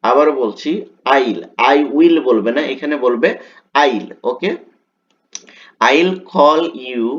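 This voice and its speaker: A man teaches an English lesson in a Bangladeshi accent. He reads each line of a textbook dialogue slowly and keeps asking questions, then answering them himself. His voice sits in an average pitch, and the recording sounds a little dull and lo-fi.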